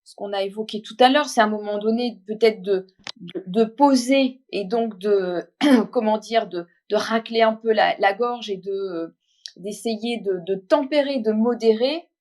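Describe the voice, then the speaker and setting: A woman's voice: mid-range voice, unhurried, darkish tone. A woman from northern France giving her view in a casual online audio room, talking hesitantly with many fillers and restarts. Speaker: speaker on voice.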